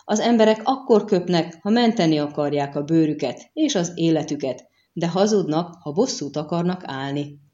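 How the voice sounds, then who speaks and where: A woman reading an audiobook and voicing a reserved male monster hunter who speaks calmly and dryly. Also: sits low, muffled recording. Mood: reasoned. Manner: calm, dry, questioning.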